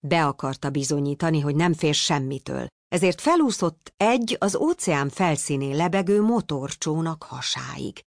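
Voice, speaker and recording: A woman reads a children's storybook aloud in a low, slightly gravelly voice. Her intonation swings widely, and the recording is close and dry. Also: few pauses, no room sound. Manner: expressive, animated storytelling. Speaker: narrator.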